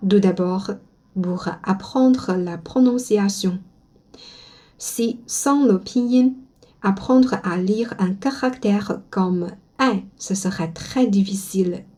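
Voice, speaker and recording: A woman whose first language is Chinese, teaching pronunciation slowly and modeling each sound for learners to repeat. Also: mid-range voice, warm tone. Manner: slow and careful, models sounds for repetition. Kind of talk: slow spoken language lesson.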